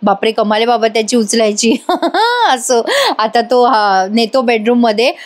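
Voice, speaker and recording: A woman's voice: fairly high pitch, animated, unhurried. A woman reviewer retelling a TV serial episode in a chatty voice-over, addressing viewers directly.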